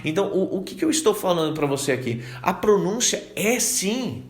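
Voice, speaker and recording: A man's voice: high voice, very animated, roomy sound. A man with a Brazilian Portuguese accent teaching English pronunciation in a casual, chatty way, often checking in with the listener. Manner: chatty, keeps asking "tá?", drills words slowly. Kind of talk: casual online English lesson.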